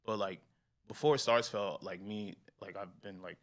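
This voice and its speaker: A man in his twenties, a rapper guest chatting casually in a slangy, laid-back way that trails off quietly. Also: fairly low pitch, fairly even intonation, unhurried. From New York. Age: 20s. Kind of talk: casual interview chat.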